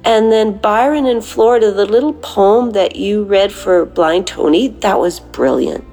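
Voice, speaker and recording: Gravelly woman with a cold, whiskey voice. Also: medium pitch, measured pace, warm tone, soft background music. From Canada. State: has a lingering cold. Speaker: prayer line caller. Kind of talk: informal prayer voicemail.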